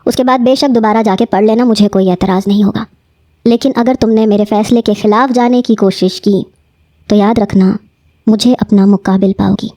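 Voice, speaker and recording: A woman's voice: mid-range voice, steady tone, mellow, lightly acted. A woman voicing a stern, domineering old grandfather who speaks curtly and gives commands. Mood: threatening. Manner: curt, commanding, threatening.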